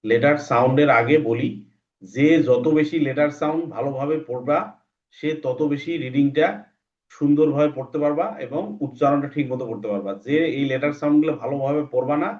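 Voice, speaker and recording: Man drilling letters in slow chants. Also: medium pitch, fairly even intonation, a little mellow, dull audio. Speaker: English teacher. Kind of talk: online class teaching letter sounds.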